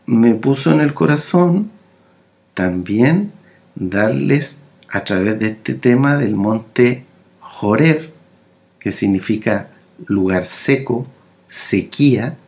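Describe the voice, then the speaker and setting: Slow, gravelly male preacher. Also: medium pitch, lively intonation, darkish tone. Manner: slow, halting delivery with many fillers and repeated words. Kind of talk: sermon.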